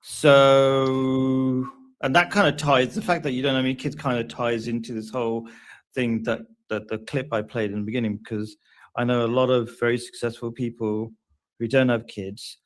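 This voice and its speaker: A man in his mid-forties speaks in a casual discussion, thoughtful and a bit halting. He often stops to search for words. His pitch sits in an ordinary middle range. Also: level tone. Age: 40s. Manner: thoughtful, hesitant, many fillers. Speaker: guest.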